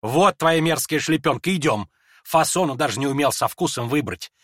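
Man doing a proud old noblewoman, shrill scolding outbursts, very high, swinging wildly, dry close sound. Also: expressive, moderate pace, fairly bright tone, no echo. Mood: agitated. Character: hot-tempered proud older noblewoman. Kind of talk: dramatized audiobook reading.

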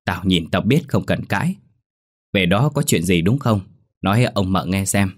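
A man's voice: low voice, animated, moderate pace. A man voicing a brusque, affectionate middle-aged aunt in a spoken ghost story. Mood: firm.

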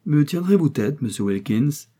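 A man voicing a suave, amiable young gentleman making polite dinner talk. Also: on the high side, animated, moderate pace, pitched above the performer's own voice. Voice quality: smooth, polite.

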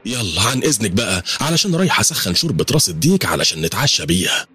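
A man's voice: mid-range voice, very animated, very fast, a little mellow, husky, voice pushed up. A man with an Egyptian accent voicing a cheerful, sly housekeeper who pushes food on her guest. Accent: Egyptian Arabic. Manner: bubbly, pushy.

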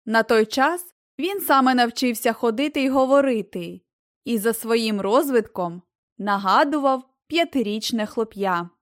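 A woman narrating a fairy-tale audiobook in an even, expressive reading. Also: a little high, measured pace, dry recording, studio quality. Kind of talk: scripted storybook narration.

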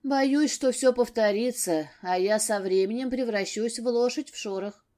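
A woman voicing a sharp-tongued, weary young married woman in an audiobook, snappy and sarcastic. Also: fairly high pitch, normal speed, lightly acted. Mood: sad.

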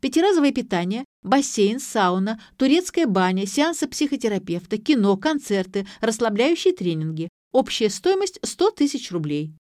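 A woman voicing a chirpy young female clinic receptionist who rattles off a fast sales patter. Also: a little high, big pitch swings, a little mellow, no echo, studio quality, pitched above the performer's own voice.

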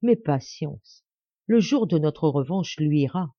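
A woman's voice: on the low side, animated, moderate pace, dark tone, no room sound, muffled recording. A woman voicing a bitter, furious father who speaks with menacing rage, read in an audiobook. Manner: raging, menacing.

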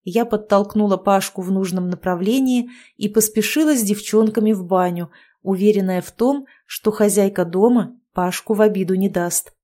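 A woman narrating a first-person audiobook in an even storytelling manner. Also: medium pitch, moderate pace.

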